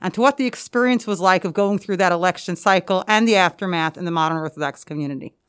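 A woman's voice: lowish voice, fast, fairly bright tone, clear, resonant tone. A woman with an American accent giving explanatory interview answers, articulate and emphatic with rhetorical questions, slightly muffled by a mask. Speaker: interview guest, school administrator and researcher. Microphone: podcast microphone, through a face mask.

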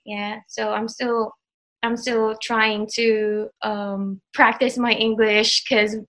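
A Filipino woman in her thirties, whose first language is Tagalog, speaks with a Filipino accent in a casual interview as a graduate of an online program. Her fairly high, slightly bright voice stays level and slow, and she hesitates with many fillers and restarts.

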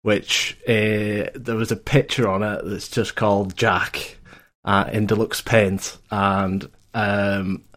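A man in his twenties with a northern English accent, a guest on a casual podcast chat over an internet call, talking haltingly with many restarts. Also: on the low side, little pitch movement, fairly bright tone. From North of England, Lancashire. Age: 20s. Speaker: podcast guest, IT support worker.

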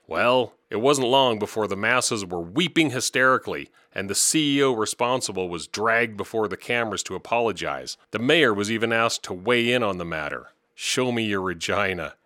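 Sardonic late-night man, bright dry voice. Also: lowish voice, no room sound. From Canada. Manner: dry, mocking, laughs at his own jokes. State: up late, tired. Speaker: podcast host. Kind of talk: sardonic news commentary.

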